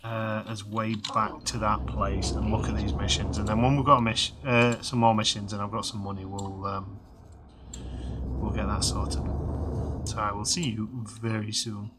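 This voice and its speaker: A man in his thirties, slightly hoarse, rambling casually with lots of fillers while commentating a video game. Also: lowish voice, little pitch movement, moderate pace, over loud music. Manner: rambling, chatty, many fillers and restarts. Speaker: game let's-play host.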